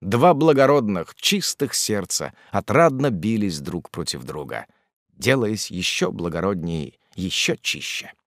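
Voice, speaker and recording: Male audiobook narrator, theatrical and animated, dry studio sound. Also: lowish voice, unhurried, no room sound. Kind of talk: scripted narration.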